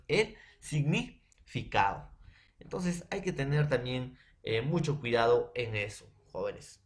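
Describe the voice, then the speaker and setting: A man teaching a grammar lesson to a class, slow and repetitive, often checking in with his students. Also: medium pitch.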